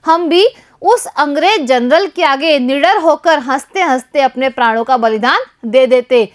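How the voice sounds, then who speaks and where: A woman explains a Hindi lesson to young pupils with a high, bright voice. She talks slowly and patiently and often turns to the children directly. She stresses her sounds carefully, the way a primary teacher does. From Rajasthan, India. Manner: addresses pupils repeatedly, stresses syllables slowly and deliberately.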